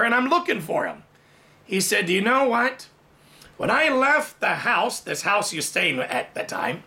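A man in his forties who grew up in Thailand preaches a sermon from his home study, bookshelves around him, telling a personal testimony with big, animated hand gestures. His voice sits high, and a camera at desk distance records him indoors.

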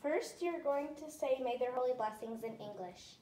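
A woman speaks from off camera as a competition examiner, giving short, clear instructions and encouraging praise. Her voice sits high but mellow. It is picked up by a phone camera across an indoor room, sounding distant and roomy with a faint hiss. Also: moderate pace. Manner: clear, encouraging, announcing each next item. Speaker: competition examiner prompting a child.

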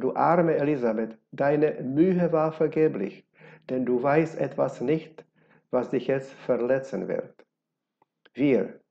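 A man's voice: medium pitch, gravelly. A man voicing a passionate, defiant young unmarried woman in a read-aloud novel, speaking in a heated, accusing way. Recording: dull lo-fi recording.

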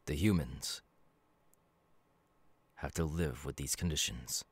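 In an ASMR audio roleplay, a male voice actor plays a gentle, melancholy demon who was once human, giving a full character voice. His husky voice is extremely low and slow, close and very dry, measured and reflective with wistful, calm pauses between phrases.

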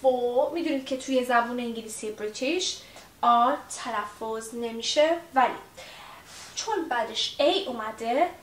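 Chatty woman teacher, roomy and distant. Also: fairly high pitch. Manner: chatty, with many fillers, repeats example phrases slowly. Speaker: English teacher. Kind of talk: casual language lesson. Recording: roomy echo, distant mic, faint hiss.

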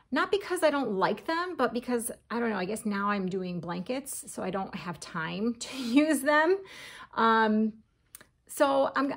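Woman in her 40s, casual crochet vlogger, chatty and giggly, light vocal fry, home kitchen. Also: mid-range voice, a bit bright. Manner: chatty, laughs often, reads labels aloud. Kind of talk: casual yarn haul chat.

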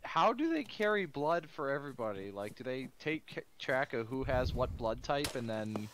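A man's voice: mid-range voice, big pitch swings, moderate pace, fairly bright tone. A man talking casually with teammates while playing a team shooter game, swearing often. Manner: swearing, chatty. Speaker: gamer. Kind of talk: casual gaming chat.

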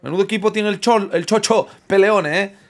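A young man giving casual commentary while playing a football management game, chatting with viewers, swearing and yelling at big moments, then muttering low. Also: brisk. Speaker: gaming streamer. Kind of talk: casual live gameplay commentary.

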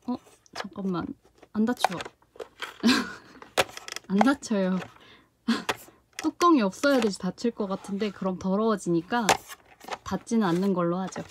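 A young woman vlogger walks through a toy unboxing in a relaxed, chatty way. She keeps breaking into delighted exclamations. Her voice sits somewhat high, and a clear hiss and little clicks run under the recording. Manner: excited gasps and exclamations while handling the product. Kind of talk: casual unboxing review.

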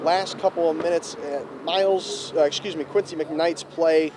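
A man's voice: a little high, fairly even intonation. Young male reporter, outdoor recap. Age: young adult. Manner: brisk, stat-heavy delivery. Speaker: student sports reporter. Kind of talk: postgame recap. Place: outdoors in front of an arena. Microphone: handheld mic. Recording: faint street noise outdoors.

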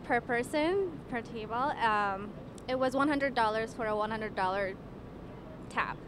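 Brief: young woman, from Ethiopia, fairly high voice, polite measured answers, noisy street behind. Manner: measured and polite, occasional stammered restarts. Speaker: waitress, interviewee. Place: outdoors on a city street. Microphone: handheld microphone held by interviewer. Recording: street noise outdoors.

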